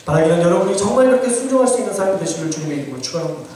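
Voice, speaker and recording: Pastor guy preaching, kinda high voice, super echoey church, mic way off. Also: very animated, rapid-fire, darkish tone, a little hiss or hum. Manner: earnest, exhorting, addresses congregation directly. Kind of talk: sermon. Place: church sanctuary. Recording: very echoey church room, from far off.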